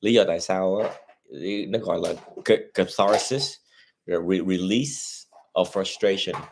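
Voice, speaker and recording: A man's voice: deep voice, unhurried, creaky, a little hiss or hum. A man, a Buddhist monk, counseling a married couple, lecturing earnestly with rhetorical questions. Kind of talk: counseling session, mixing Vietnamese and English.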